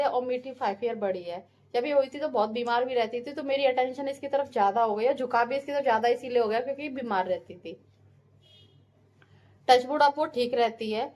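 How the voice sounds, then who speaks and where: Chatty high-voiced mother vlogging at home. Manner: chatty, homely, advice-giving, drifting into heartfelt reflection. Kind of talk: casual vlog voice-over.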